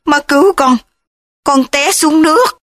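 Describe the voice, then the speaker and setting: A woman voicing a frightened young man in a raving fit, shouting and panicked. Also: medium pitch, fairly quick, no room sound, close to an everyday voice.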